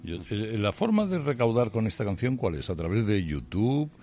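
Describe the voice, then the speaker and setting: A male radio host asking enthusiastic, quick questions in an interview. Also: on the low side, very animated, mellow, soft background music.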